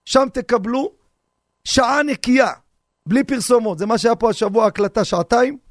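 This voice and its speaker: A man, a rabbi, giving a radio sermon on the seder, animated and humorous, full of rhetorical questions. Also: very high voice, no room sound, clean studio sound.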